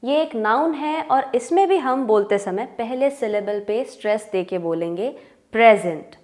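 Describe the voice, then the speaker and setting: A woman teaching English pronunciation, speaking clearly and deliberately, and slowing down when she reads out English example sentences. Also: on the high side, a little mellow. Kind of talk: explaining pronunciation in a lesson.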